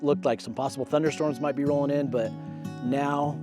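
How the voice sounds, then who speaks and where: A man's voice: on the high side, steady tone, fairly quick, over music. A man talking casually to camera by a campfire at an outdoor campsite, as a camping vlogger. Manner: chatting by a campfire.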